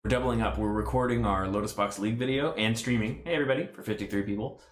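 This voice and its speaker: A man's voice: on the low side, fast, reverberant. A man streaming a card game, thinking aloud in casual play-by-play commentary with rambling, self-mocking asides. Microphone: desk stream mic.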